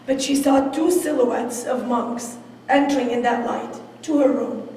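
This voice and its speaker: A high-pitched woman tells a story to a room, voicing each person's words as she goes. She is heard from a distance, with heavy echo and a long reverb tail from a big hall. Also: a little slow, warm tone, a little hiss or hum. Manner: vivid storyteller who acts out quoted speech. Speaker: presenter. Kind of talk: storytelling talk. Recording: echoey hall from far off.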